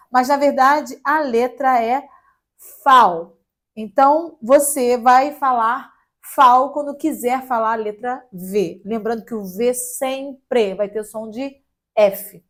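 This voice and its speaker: A young woman with a Brazilian Portuguese accent teaches German in a relaxed, chatty way. Her voice sits a little high, and she stretches out letters as she spells them. Now and then she slips in a light joke. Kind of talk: casual online language lesson.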